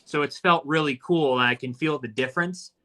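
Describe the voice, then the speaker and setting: A man's voice: fairly high pitch, a little fast, bright, forceful tone. A man in his thirties chatting casually on a live stream, earnest and thoughtful, often restarting his sentences. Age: 30s. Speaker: actor hosting a live stream. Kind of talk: casual chat.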